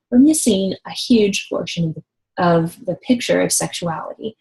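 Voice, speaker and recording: A woman's voice: on the low side, gravelly, a little mellow, low-quality recording. A woman in her thirties giving a recorded university lecture, explaining steadily and engagingly with the odd light laugh. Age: 30s.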